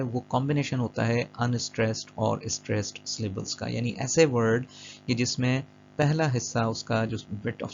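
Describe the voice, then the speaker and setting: Male teacher, patient and repetitive, gravelly voice, lo-fi voice-over with quiet music. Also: medium pitch, slight background noise. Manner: patient, repeats and checks understanding; mixes English terms into Urdu-flavoured Hindi. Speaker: English teacher. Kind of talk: explaining a lesson over slides. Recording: dull lo-fi voice-over with soft music.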